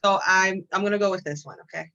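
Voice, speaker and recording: A woman's voice: medium pitch, fast talker, pushed and bright. A woman co-hosting a casual live-stream chat, telling stories chattily. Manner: chatty, storytelling. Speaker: co-host. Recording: dull, lo-fi sound.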